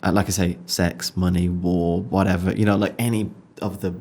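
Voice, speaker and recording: Speaking at a moderate pace, a man with a Birmingham accent talks in a low, fairly mellow voice that barely moves in pitch. He interviews for a podcast and photographs musicians, and his casual, reflective chat is full of repeated phrases, "you know," and "like."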